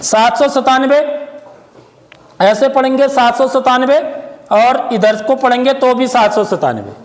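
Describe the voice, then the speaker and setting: A man's voice: very high-pitched, animated, measured pace. A man teaching a maths lesson to pupils in a classroom, often checking that they follow with questions. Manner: keeps checking understanding with questions. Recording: echoey room with long reverb.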